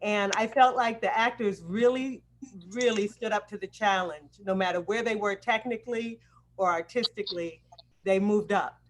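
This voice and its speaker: A woman with a mid-range voice, speaking at normal speed, runs an informal live Q&A on a video call in her role as a director and acting coach. The video call is noisy and full of clicks.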